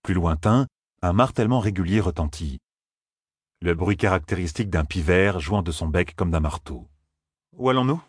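Deep husky guy reading an audiobook, steady storyteller pace, dead dry sound. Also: no room sound. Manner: calm, measured storytelling. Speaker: narrator. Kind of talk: audiobook narration.

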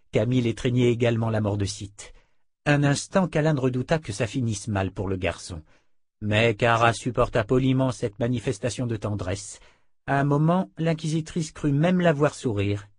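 A man narrating a fantasy novel as an audiobook in an even, unhurried storytelling manner. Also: medium pitch, dry recording, studio quality.

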